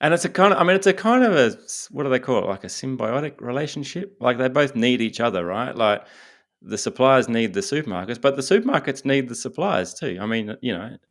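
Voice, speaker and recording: A man's voice: mid-range voice, sing-song, brisk. A man, a comedian co-hosting and joking in a casual podcast chat. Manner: joking, playful. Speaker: comedian co-host.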